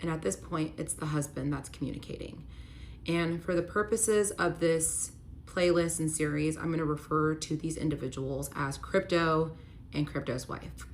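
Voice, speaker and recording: Low-voiced woman telling a candid story. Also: steady tone, normal speed, slight background noise. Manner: earnest, emotional, heavy use of "like". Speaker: vlogger telling a personal story.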